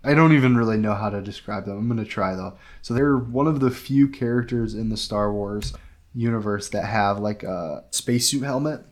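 A man co-hosting a gaming podcast, chatting casually and excitedly, rambling with lots of filler words. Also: fairly low pitch, normal speed. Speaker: podcast co-host. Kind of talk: casual game review chat.

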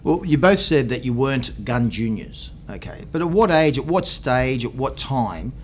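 A man's voice: medium pitch, lively intonation, moderate pace, a little hiss or hum. A middle-aged man with an Australian accent hosting a podcast interview, wordy and given to rephrasing himself. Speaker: podcast host. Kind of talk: conversational interviewing.

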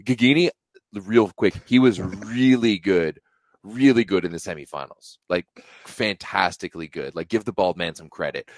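A young man co-hosting a sports podcast, talking in a casual, animated way with many fillers and restarts. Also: deep voice, dry recording, clean studio sound. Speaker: podcast co-host.

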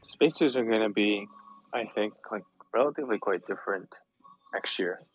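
Low-voiced man musing over dry lo-fi audio. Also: moderate pace, breathy edge, dry recording, faint music behind. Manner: hedging, reflective speech with many fillers. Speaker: guest. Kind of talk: casual chat.

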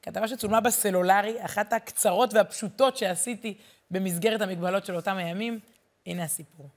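A woman who teaches and works as a journalist, giving a lively, emphatic Torah lesson and repeating words as she searches for them. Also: mid-range voice, a little hiss or hum.

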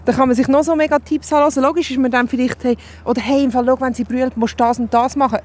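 Guest, Swiss German woman, rapid candid chat, outdoors with faint traffic. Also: high-pitched, steady tone, darkish tone. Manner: fast, candid, thinks aloud with restarts. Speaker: guest, new mother. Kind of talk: casual chat on a walk. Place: outdoors on a walk in town.

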